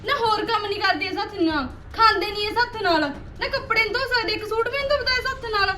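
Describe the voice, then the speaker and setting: A sharp-tongued young daughter-in-law, played by a woman, nagging fast in a very high, bright voice. She sounds a little away from the mic, with faint background noise. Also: reverberant, distant mic. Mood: scolding. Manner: scolding, nagging.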